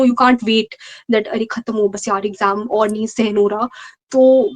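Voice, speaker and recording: A woman's voice: on the high side, low-quality recording. A young adult woman with an Indian accent giving earnest, conversational interview answers, repeating phrases for emphasis. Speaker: interview guest, medical postgraduate exam ranker.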